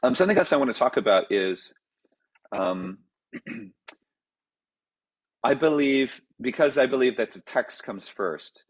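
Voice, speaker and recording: A man's voice: medium pitch, lively intonation, unhurried, long pauses, breathy edge, poor audio. A man, a composer, answers audience questions in a casual talk, thinking aloud with many fillers and restarts. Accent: American.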